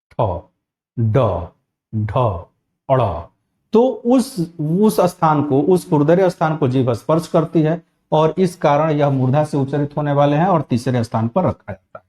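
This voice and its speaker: A man giving a spoken grammar lesson, slowly and methodically spelling out sounds one at a time. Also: on the high side, lively intonation, dark tone. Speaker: Hindi teacher.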